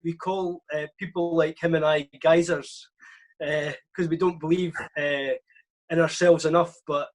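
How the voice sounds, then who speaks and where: A man's voice: fairly high pitch, flat delivery, measured pace. A man speaking as a panel guest over a video call, modest and hesitant, with "uh" fillers. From Scotland.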